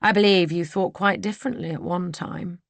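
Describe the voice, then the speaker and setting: A woman voicing a sly, mocking young gentleman villain for an audiobook. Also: fairly low pitch, moderate pace, no room sound, natural voice. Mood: smug. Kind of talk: audiobook character voice.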